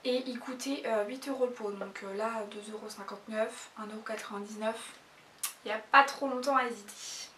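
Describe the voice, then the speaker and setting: A woman's voice: a little high, fairly even intonation, brisk, bright, forceful tone, slight background noise. A woman chatting casually in a haul video, hesitating often with fillers. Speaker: YouTuber. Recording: echoey room, mic at a distance.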